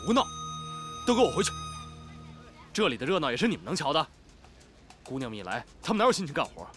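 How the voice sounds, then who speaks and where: An actor playing an earnest, stern young leader of labourers in an ancient-set TV drama. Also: male voice, a little high, huge pitch swings, fast talker, over music. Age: young adult. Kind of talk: television historical drama dialogue.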